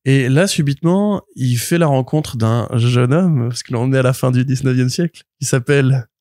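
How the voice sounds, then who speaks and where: A man co-hosting a comics podcast, retelling a plot in an animated, rambling way full of fillers and restarts. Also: medium pitch, moderate pace, dry recording, clean studio sound. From France. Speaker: podcast co-host, comics reviewer. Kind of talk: casual podcast chat.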